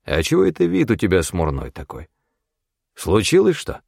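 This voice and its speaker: A man's voice: lowish voice, wildly swooping pitch, moderate pace, creaky, a little mellow, breathy edge, no room sound, studio quality, exaggerated voice. A man voicing a wary, bossy old mentor who scolds in blunt, folksy talk. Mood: easygoing. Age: older.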